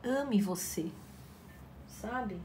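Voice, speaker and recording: Brief: middle-aged woman, craft host, casual encouraging chat, mid pitch, faint noise behind. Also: lively intonation, drawn-out words. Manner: chatty, warm-hearted encouragement with playful quoted voices. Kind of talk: casual chat while painting.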